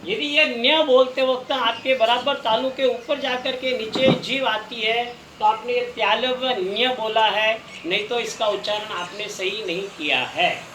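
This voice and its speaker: A man's voice: extremely high pitch, fairly even intonation, a little slow, few pauses. A man teaching a recorded language lesson, patiently repeating each sound for listeners to try. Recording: echoey room, faint background noise.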